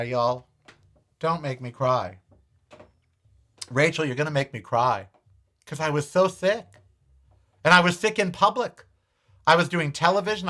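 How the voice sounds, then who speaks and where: A middle-aged man in his fifties hosts a casual podcast in a voice that is forceful and bright. He sits a little higher than most men and talks with raw emotion, jumping from loud outbursts to hushed, shaky confessions aimed at his viewers. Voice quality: expressive, emotional, swings between loud exclamations and quiet asides. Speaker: podcast host.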